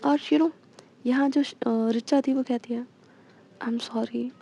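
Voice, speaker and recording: A chatty woman storyteller with a high-pitched voice narrates casually and scatters English fillers as she goes. Her tone is warm and mellow rather than bright. The recording sounds slightly muffled and lo-fi. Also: fairly even intonation, unhurried. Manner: chatty, mixes in English fillers like "you know".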